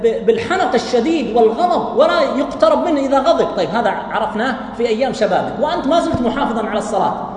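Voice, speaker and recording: A man preaching, talking quickly and swinging his pitch up and down. He keeps the lecture lively, throws rhetorical questions at the audience and chuckles lightly between points. His voice rings through a very echoey hall with a long tail and a faint hiss.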